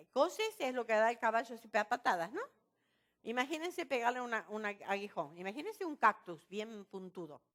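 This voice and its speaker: A woman preaching a sermon at a women's retreat, lively and often asking her listeners rhetorical questions. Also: fairly high pitch. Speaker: retreat speaker.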